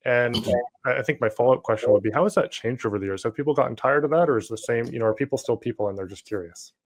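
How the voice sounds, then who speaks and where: A man's voice: medium pitch, racing. A man hosting a marketing podcast, asking his guest questions in an upbeat, enthusiastic way. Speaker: podcast host. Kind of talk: casual interview hosting.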